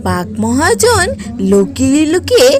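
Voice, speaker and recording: A woman's voice: sits high, huge pitch swings, a little slow, music in the background. A woman delivering scripted fairy-tale narration for a cartoon as the storyteller.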